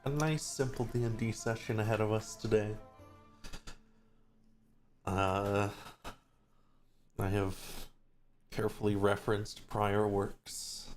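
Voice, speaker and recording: A man with a lowish voice leads a tabletop game session as its game master. He talks very slowly and drily, taking his time, with a joking edge. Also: steady tone, soft background music.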